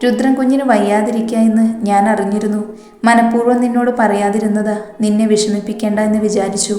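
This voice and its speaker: A woman's voice: medium pitch, fairly even intonation, brisk, warm tone, echoey room, faint music behind, close to an everyday voice. A woman voicing a caring middle-aged village mother, speaking plainly and matter-of-factly. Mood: concerned.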